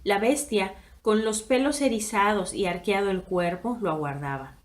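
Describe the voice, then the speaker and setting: A woman narrating a story aloud in a dramatic, expressive reading that swings between hushed and loud passages. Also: medium pitch, moderate pace.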